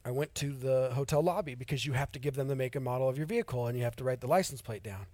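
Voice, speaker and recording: A man preaching a sermon, telling a personal story in a candid, self-deprecating way with lively swings in emphasis. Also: medium pitch, very fast, no echo. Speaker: pastor.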